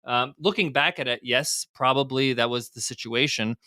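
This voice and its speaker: A man's voice: mid-range voice, moderate pace, bright, forceful tone, dry recording, clean studio sound. A middle-aged man, a guest entrepreneur, speaking candidly in a casual podcast interview with frequent fillers and restarts. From United States.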